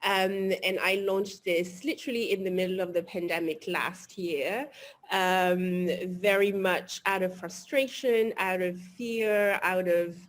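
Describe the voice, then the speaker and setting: A woman born in Togo introducing herself on an online panel, earnest with "um" fillers and pauses, over a video call. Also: on the low side, steady tone. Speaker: magazine founder. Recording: faint background noise.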